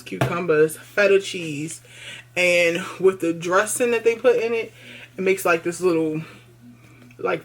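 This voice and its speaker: A woman's voice: lowish voice, a bit bright, a little hiss or hum. A young woman with a Baltimore accent chatting casually to her vlog camera, often talking with her mouth full. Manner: chatty, talks while eating. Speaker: vlogger.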